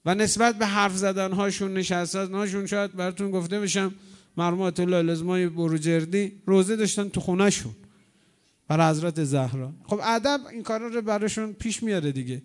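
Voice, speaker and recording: A man preaching a mourning sermon, telling stories dramatically and swinging between hushed and loud passages. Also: high-pitched.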